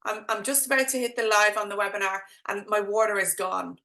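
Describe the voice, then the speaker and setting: A woman's voice: medium pitch, fairly quick, pushed and bright, reverberant. A woman with a thick Dublin accent presenting an informal live online workshop as a coach, chatting directly and encouragingly to her viewers.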